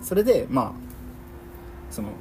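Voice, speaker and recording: A man casually telling a true eerie family story in conversation, in halting pieces and polite speech. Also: medium pitch, sing-song, darkish tone, soft background music.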